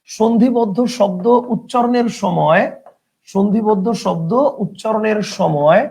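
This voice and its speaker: A man's voice: sits high, gravelly. A man teaching an online grammar class, repeating key phrases, quizzing students and reading out viewer comments.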